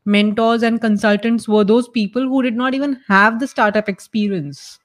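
A woman's voice: on the high side, steady tone, moderate pace. Woman with a North Indian accent, explaining emphatically. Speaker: startup founder, interview guest. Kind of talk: conversational interview answers.

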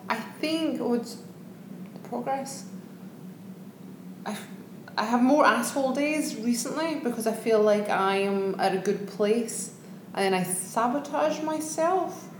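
A woman in her thirties speaks with a broad Scottish accent in casual conversation. Her voice sits fairly high, and the room is echoey with some noise behind her. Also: darkish tone. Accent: strong Scottish. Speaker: guest athlete. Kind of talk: casual chat.

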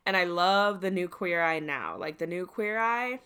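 A woman's voice: lowish voice, normal speed, a bit bright, clean tone. A young woman co-hosting a casual podcast chat, gushing and emphatic about the shows she loves. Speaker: podcast co-host.

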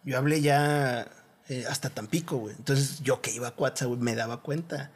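A man's voice: medium pitch, moderate pace, slightly rough. A young man with a Mexican Spanish accent, teasing and swearing in casual banter with a friend. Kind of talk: casual chat between friends.

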